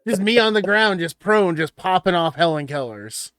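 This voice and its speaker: A young man co-hosting a casual podcast stream, talking loudly and excitably with plenty of swearing. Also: high voice, normal speed, smooth, dry recording, clean studio sound. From Washington State. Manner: loud, excitable, profane. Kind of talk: casual banter.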